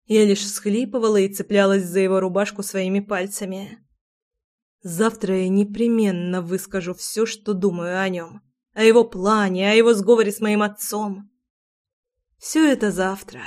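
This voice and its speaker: A woman narrating a first-person romance audiobook, reading in an expressive, emotive way. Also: mid-range voice, moderate pace.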